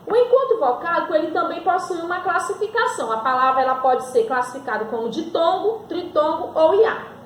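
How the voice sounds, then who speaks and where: A woman with a very high voice, a Brazilian Portuguese-accented school teacher, delivers a recorded grammar lesson in a room full of echo. She poses questions and answers them herself, stretching example words, while a faint hiss or hum runs underneath.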